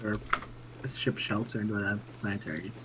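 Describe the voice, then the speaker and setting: A co-streamer chatting excitedly about a space strategy game. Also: low voice, moderate pace, heavy background noise. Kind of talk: casual gaming chat.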